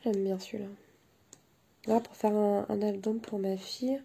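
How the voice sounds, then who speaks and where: Gravelly-voiced chatty woman vlogger. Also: mid-range voice, flat delivery, normal speed, dark tone. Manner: chatty, hesitant with many fillers. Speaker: crafting vlogger; mother. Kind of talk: casual haul video chat.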